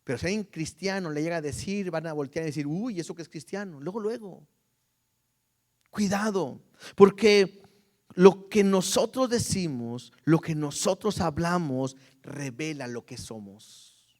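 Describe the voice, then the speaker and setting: Man, pastor's sermon, high voice, chatty and checking in with listeners. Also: lively intonation, unhurried, darkish tone. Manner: conversational, asks the congregation "¿sí?" often.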